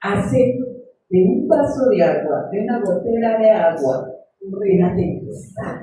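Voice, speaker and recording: Woman preacher, earnest sermon, mellow voice, echoey church room. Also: medium pitch, lively intonation, slow pace, a little hiss or hum. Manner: earnest, storytelling, addresses the congregation warmly as beloved. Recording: echoey room, far from the mic.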